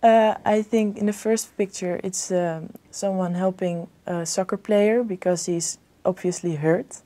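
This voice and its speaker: A woman's voice: fairly low pitch, fairly even intonation, a little slow, mellow. A young woman from the Netherlands, answering exam questions hesitantly with many fillers and restarts. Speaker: exam candidate. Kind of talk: spoken English exam answers.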